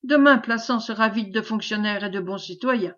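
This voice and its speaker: A woman reading the part of a gruff, impatient older male commander who blusters scornfully, on a dull lo-fi recording. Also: medium pitch, moderate pace, fairly bright tone, lightly acted.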